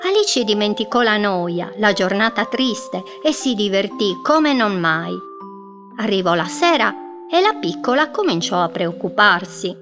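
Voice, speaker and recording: Female storyteller, gentle children's narration, music bed. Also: medium pitch, expressive. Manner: gentle, slow storytelling with drawn-out words.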